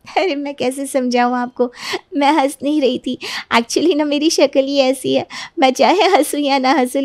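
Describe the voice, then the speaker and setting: An innocent new bride, played by a woman in a cartoon story. Her voice is high and earnest, with a pleading tone. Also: dry recording, studio quality, natural voice.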